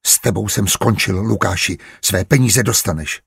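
Man doing a gruff stubborn farmer, audiobook, low husky voice, dry sound. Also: fairly bright tone, dry recording, heavily acted. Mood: contemptuous. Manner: gruff, curt and hostile. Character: stubborn, grumbling male farmer and merchant.

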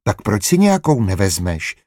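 A man's voice: very animated, darkish tone, no echo, clean studio sound. A man voicing a small, curious, insistent boy in a storybook reading. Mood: pleading, insistent. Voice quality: raised childlike pitch.

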